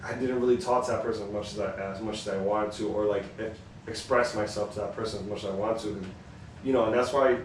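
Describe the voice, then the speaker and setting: A man's voice: lowish voice, slight background noise. Man, podcast co-host, casual chat, rambling, cursing, filler words, echoey room, distant mic. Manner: rambling, heavy on "like" fillers, swears freely. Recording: roomy echo, distant from mic.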